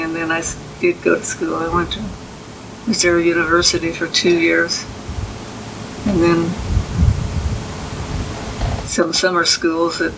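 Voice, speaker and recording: Elderly American woman, old veteran remembering, gravelly voice, even pitch, halting recollection, hissy recording. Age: 80s or older. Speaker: army veteran being interviewed. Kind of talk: oral history interview.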